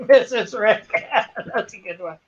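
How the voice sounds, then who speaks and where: A man's voice: very high-pitched, big pitch swings, slow pace. A man from Canada chatting casually on a live stream, laughing often. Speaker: guest YouTuber. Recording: slightly dull lo-fi audio.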